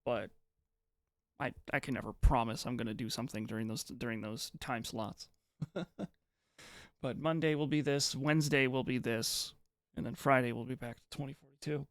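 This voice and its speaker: A man's voice: mid-range voice, steady tone, moderate pace, dry recording, studio quality. A man streaming live, chatting casually with viewers in a rambling, hesitant way, often restarting his sentences. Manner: reads and answers chat messages.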